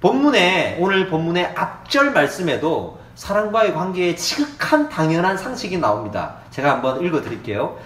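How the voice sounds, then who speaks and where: A male pastor preaching a Sunday sermon with a Gyeongsang Korean accent, animated and acting out the quoted prayers and dialogue. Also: high voice, moderate pace, few pauses. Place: church sanctuary. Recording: echoey church room.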